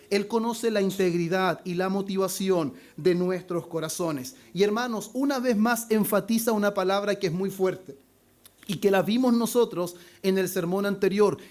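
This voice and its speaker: A pastor preaching an expository sermon, calling his listeners brothers and slowing down with added force when he quotes scripture. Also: high-pitched, darkish tone. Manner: slows down and rises in volume on scripture quotes.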